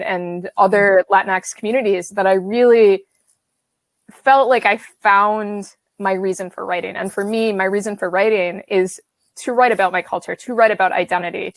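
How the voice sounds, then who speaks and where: Speaking from her brick-walled home studio, this thirtysomething author-illustrator from the American Midwest rambles through a casual video call, full of fillers and false starts. Her pitch sits in the middle, and the webcam audio has no room sound.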